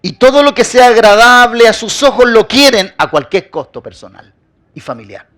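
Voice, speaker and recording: His voice is very high and very animated as he preaches at a moderate pace. The pastor builds each point through rhetorical questions and forceful repetition, and many phrases end with a drop to near-silence.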